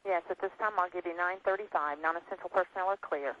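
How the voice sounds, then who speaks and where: Brief: quick male control-loop voice, distant, over a hissing, breaking-up radio channel. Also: sits high, fairly even intonation, bright, forceful tone, highs cut off. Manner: rapid clipped procedural callouts. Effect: hissy, breaking-up radio transmission. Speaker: launch safety and control officer. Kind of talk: launch radio loop calls.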